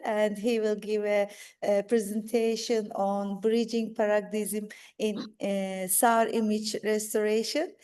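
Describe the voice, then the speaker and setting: Slow, hesitant woman moderator. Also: medium pitch, dark tone, smooth. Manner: hesitant, with many fillers. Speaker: webinar moderator. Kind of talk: introducing a guest. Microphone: video call.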